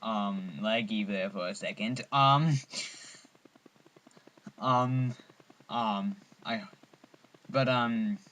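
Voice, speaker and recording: A man's voice: lowish voice, extremely slow, long pauses, fairly bright tone. A man giving a casual, rambling film review as an enthusiastic fan, full of ums and restarts. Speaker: movie reviewer.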